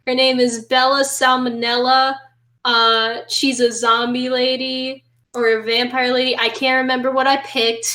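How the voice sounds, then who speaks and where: A woman's voice: high voice, flat delivery, a little slow, pushed and bright. A woman chatting casually and playfully as a guest. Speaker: horror host guest. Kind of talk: casual chat. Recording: roomy, echoing sound.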